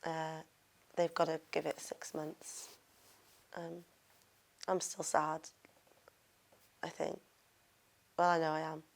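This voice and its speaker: A woman with a very low, gravelly voice gives a documentary interview. She speaks quietly and hesitantly, and her sentences trail off. Her pitch barely moves. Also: completely flat delivery, slow, long pauses. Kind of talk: documentary interview, personal account.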